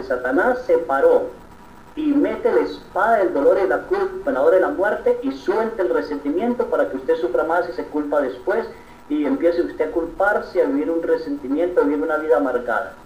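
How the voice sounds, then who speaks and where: Earnest priest preaching in a roomy hall. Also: male voice, fairly high pitch, darkish tone, slight background noise. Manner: earnest preaching with repeated "¿sí?" checks. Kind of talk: sermon. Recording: roomy, distant, dull sound.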